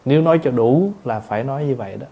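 A man's voice: mid-range voice, fast, vocal fry, warm tone, lo-fi sound. A man, a Buddhist monk, giving a patient dharma talk, explaining terms word by word and acting out little everyday exchanges.

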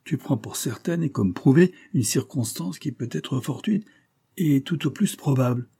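A man reading aloud, voicing a celebrated police detective who speaks in a measured, authoritative, instructive way. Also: mid-range voice, animated, vocal fry, warm tone, slightly rough, pitched above the performer's own voice, exaggerated voice. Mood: commanding. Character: celebrated police detective, calm, commanding, dry.

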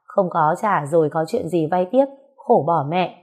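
A woman's voice: on the low side, measured pace, darkish tone. Woman voicing a brash, foul-mouthed older woman. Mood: scolding. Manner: blunt, scolding, swearing.

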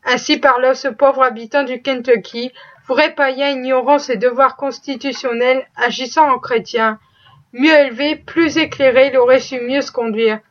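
A woman reading a classic novel aloud in a steady, dramatic way. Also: high-pitched, normal speed. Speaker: reader. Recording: dull lo-fi recording.

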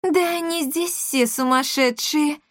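A woman voicing a scornful matchmaker who mocks the bride's family and hurries off, in a high drawn-out voice. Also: dry recording, clean studio sound. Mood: flustered. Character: shrill matchmaker woman, mocking and quick to flee.

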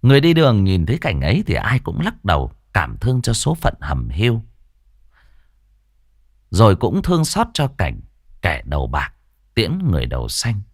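A man's voice: fairly low pitch, normal speed, pauses often, no echo. A man narrating a ghost story dramatically. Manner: dramatic, expressive. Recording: dry studio voice with faint music.

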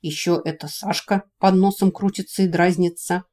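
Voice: medium pitch, steady tone, moderate pace, a little mellow, close to an everyday voice. A reader voicing a young male dragon, a grumbling, put-upon protective brother, in an audiobook reading.

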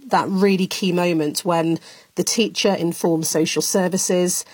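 Female radio reporter briefing on air; husky, low-ish voice, earnest explainer. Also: darkish tone, no echo. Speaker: community affairs correspondent.

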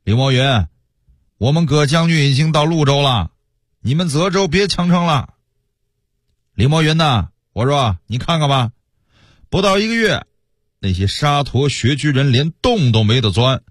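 A man's voice: a little high, sing-song, normal speed, pauses often, dry recording, clean studio sound. Man putting on jeering enemy heralds. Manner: jeering, mocking calls. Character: taunting enemy heralds shouting at walls.

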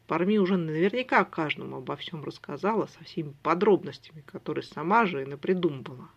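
A reader giving wry, expressive first-person audiobook narration. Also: mid-range voice, fast talker, vocal fry, husky. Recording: dull lo-fi recording.

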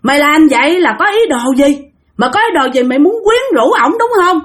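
A woman's voice: animated, brisk. A woman voicing a furious, jealous older sister shrieking accusations. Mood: furious, accusing. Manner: shrill accusing tirade.

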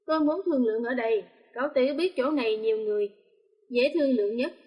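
A woman voicing a scheming male paparazzo who talks in a quick, sneering way. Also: on the high side, slightly rough, dull audio. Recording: long reverb.

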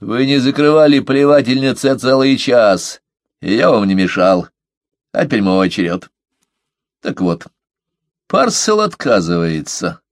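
A man's voice: mid-range voice, very animated, a little slow, pauses often, no room sound, studio quality, pitched above the performer's own voice. A man voicing a sardonic, scheming sailor who talks in a nasal, sneering, lecturing way.

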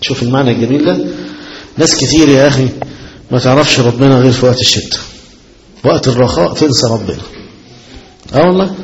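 A man with an Egyptian accent, a sheikh giving a religious lesson, animated and often asking rhetorical questions before he answers them. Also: medium pitch, long reverb tail, lo-fi sound. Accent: Egyptian Arabic. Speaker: sheikh teaching a hadith book.

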